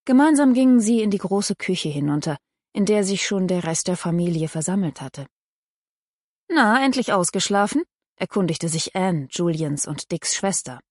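A woman narrating a story and voicing its characters in turn, with lively dialogue. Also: lowish voice, normal speed, dry recording, studio quality. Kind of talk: audiobook narration.

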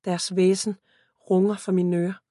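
Woman calmly narrating a first-person story. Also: fairly low pitch, dry recording, clean studio sound. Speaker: audiobook narrator.

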